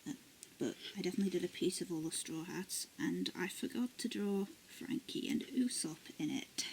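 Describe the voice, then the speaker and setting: A woman's voice: on the low side, normal speed, vocal fry, rough recording. A woman casually showing her sketchbook art, rambling with many ums and restarts and often dropping to a half-whisper. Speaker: art vlogger. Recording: steady background noise.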